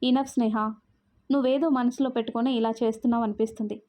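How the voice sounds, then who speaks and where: A woman's voice: fairly high pitch, steady tone, fast, mellow, close to an everyday voice. A woman doing a stern, curt young man. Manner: curt, commanding. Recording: muffled lo-fi audio.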